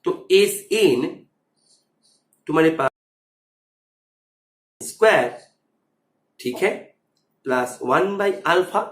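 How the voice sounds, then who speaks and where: Male math teacher walking students through an exam answer, mixing English terms into Hindi, high lively delivery, echoey room. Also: extremely slow, long pauses. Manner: checks understanding often. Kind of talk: explaining exam solution.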